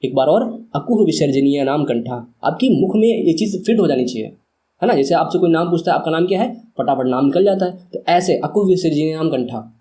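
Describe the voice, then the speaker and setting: A male teacher giving a lesson, chanting short rhymes over and over and coaxing listeners to repeat, with quick asides between slow drills. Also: a little high, expressive, dark tone. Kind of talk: classroom lesson with chanted repetition.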